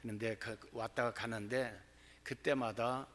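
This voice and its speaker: A man preaching a sermon, telling his own story in an animated way that turns loud and excited. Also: mid-range voice, measured pace, slight background noise. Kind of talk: sermon testimony. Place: church.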